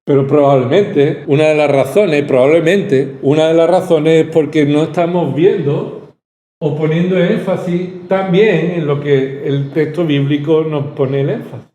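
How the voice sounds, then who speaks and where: High-voiced man preaching with emphasis. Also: unhurried, mellow, echoey room. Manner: emphatic, rhetorical questions and repetition. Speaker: pastor. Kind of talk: sermon. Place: church hall.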